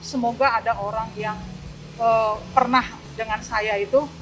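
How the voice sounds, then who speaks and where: A woman's voice: on the high side, measured pace, over music. An older woman, an online taxi driver, telling a story in a casual interview and acting out both sides of each exchange. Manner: animated, acts out both sides of dialogues.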